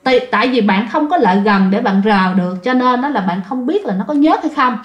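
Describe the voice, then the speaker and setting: A woman's voice: fairly high pitch, animated, fairly quick, muffled recording. A woman telling a ghost story, chatting directly to her listeners. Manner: conversational, addresses listeners directly. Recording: roomy echoey recording.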